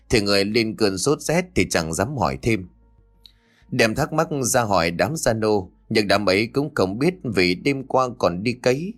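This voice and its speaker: A man narrating a ghost story in an expressive storytelling manner. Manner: expressive storytelling with lively pitch.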